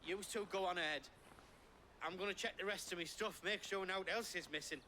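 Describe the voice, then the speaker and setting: A flustered trader. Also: male voice, sits high, fairly quick, sharp tone, a little hiss or hum. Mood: eager. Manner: anxious, apologetic, regional slang. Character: flustered male trader who lost his pass. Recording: game audio with faint ambience.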